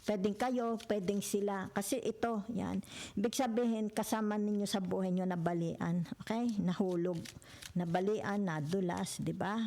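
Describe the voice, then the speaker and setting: A woman with a Filipino accent giving a relaxed tarot reading to her viewers. She talks in a chatty, conversational way, mixing Tagalog and English and tagging her points with little check-ins like "okay?" and "di ba?". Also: medium pitch, normal speed, creaky. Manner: chatty, peppered with "okay?", "di ba?" and "yan"; mixes Tagalog and English freely. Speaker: tarot reader.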